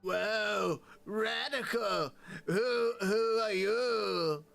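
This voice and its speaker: A laid-back young surfer dude, as a man puts him on, drawing out his excited whoas in a high, loud voice. He sounds stoked, and a gravelly edge stays in the tone. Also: faint music behind, full character voice. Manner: drawn-out excited exclamations.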